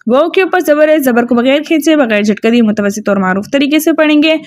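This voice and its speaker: Woman tajweed teacher, high voice, dry close sound, patient step-by-step explanations. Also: brisk, no room sound. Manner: explains rules step by step, often asks "ठीक है?". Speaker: Quran recitation teacher. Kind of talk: tajweed lesson with recited examples.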